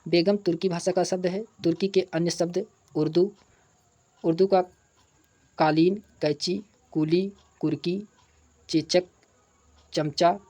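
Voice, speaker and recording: Past exam questions are read aloud by a man with a high, steady, warm voice, who then gives each answer, repeats it, and explains why. He takes his time spelling out sounds and examples for his prep students.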